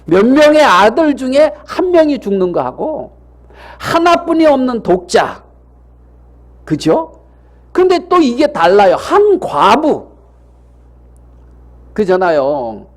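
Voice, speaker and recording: Pastor, male, animated high-pitched preaching, rhetorical questions, repeats key lines. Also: slow, long pauses. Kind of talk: sermon.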